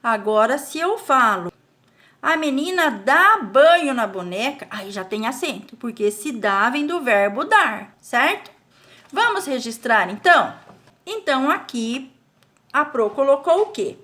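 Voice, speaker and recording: A Brazilian woman teaching a recorded spelling lesson to children. She explains slowly, stretches out syllables and keeps asking the class check questions. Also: on the high side, very animated, bright, forceful tone. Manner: speaks of herself in the third person as "a Pro". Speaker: primary school teacher.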